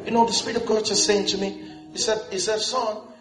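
Male pastor, high voice, animated sermon with repeated call-outs, echoey hall with music underneath. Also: fairly quick. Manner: animated preaching with repetitions and audience call-outs. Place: church hall.

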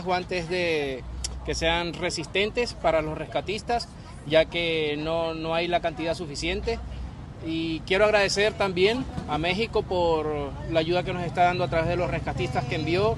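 Man, very high pitch, grave earnest tone, loud street noise. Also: steady tone, moderate pace. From Venezuela. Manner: earnest, grave, speaks with conviction. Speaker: community representative. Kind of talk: news interview statement.

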